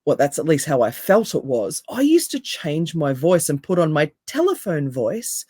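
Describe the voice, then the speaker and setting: A woman with a deep, raspy voice and an Australian accent, speaking emphatically as a coach in a podcast interview and firing off rhetorical questions. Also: very animated, moderate pace, dark tone, no room sound, studio quality. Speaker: NLP coach and hypnotherapist, guest.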